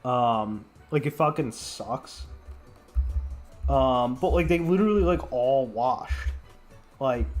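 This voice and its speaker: A young man who is sick, rambling through casual stream chat with lots of filler words and swearing. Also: mid-range voice. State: sick, congested.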